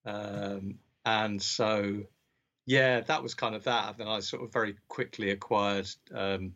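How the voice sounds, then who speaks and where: A man's voice: fairly low pitch, fairly even intonation, measured pace, pushed and bright. A man in his sixties with a southern English home counties accent, chatting casually and reminiscing, often repeating words as he starts a sentence. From born in Scotland, grew up in Berkshire, England. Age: 60s. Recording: dull, muffled lo-fi sound.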